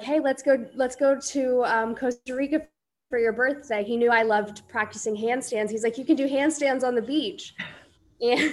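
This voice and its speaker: Calm, higher-voiced woman yoga teacher. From Iowa, United States. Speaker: yoga teacher and coach, podcast guest. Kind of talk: casual interview answers.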